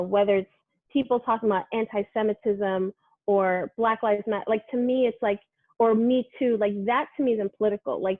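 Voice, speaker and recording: In a casual interview, a woman who reports on sports, from Brooklyn, New York, speaks in a mid-range voice, chatty and animated, leaning heavily on fillers such as "like" and "you know." Her audio is dry, narrow, and tinny.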